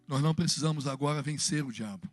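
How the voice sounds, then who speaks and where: A Brazilian pastor with a high-pitched voice preaches in a church. He shifts between fervent exhortation and light, humorous stories from his own life, with soft music behind him. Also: fast talker. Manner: fervent preaching mixed with humorous personal anecdotes. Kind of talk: sermon. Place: church, Sunday evening service.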